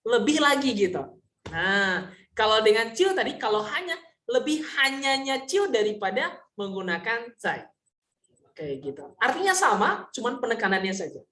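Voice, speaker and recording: A woman teaching a casual online Mandarin lesson, explaining patiently, saying example sentences slowly and often checking whether her students understand. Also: fairly high pitch, sing-song, fairly bright tone, roomy sound.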